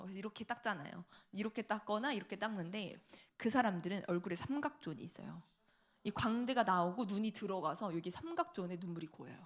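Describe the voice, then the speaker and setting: Fast-talking woman preaching. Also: medium pitch. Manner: lively storytelling with laughter and acted-out quotes. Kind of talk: sermon testimony. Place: church sanctuary.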